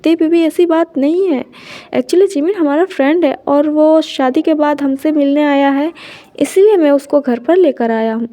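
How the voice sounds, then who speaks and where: A woman voicing a gentle young husband who coaxes and reassures his crying partner. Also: high voice, moderate pace, close to an everyday voice. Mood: soothing. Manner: reassuring, coaxing.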